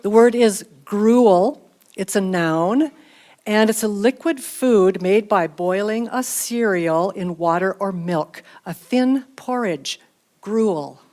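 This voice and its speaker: A woman acting as spelling bee pronouncer, reading out words and definitions in a measured, clearly enunciated way. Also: medium pitch, darkish tone.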